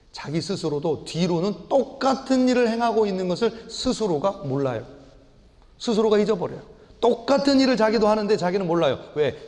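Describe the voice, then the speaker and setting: A man's voice: sits high, darkish tone. A middle-aged male pastor preaching a Sunday sermon and telling a personal story earnestly, with frequent restarts. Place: church sanctuary. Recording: church hall reverb.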